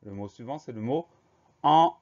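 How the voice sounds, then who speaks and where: A man teaching a French spelling lesson, slowly spelling each word letter by letter and explaining the grammar. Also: medium pitch, animated, a little mellow, muffled recording. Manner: slow, methodical, spells words letter by letter.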